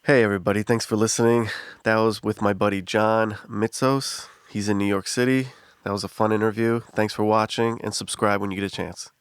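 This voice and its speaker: Easygoing Chicago-accented man, low voice. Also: fairly even intonation, a little fast, few pauses, clear, resonant tone, no room sound, studio quality. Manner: easygoing, repeats "you know what I mean". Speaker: podcast host. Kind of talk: casual video-call interview.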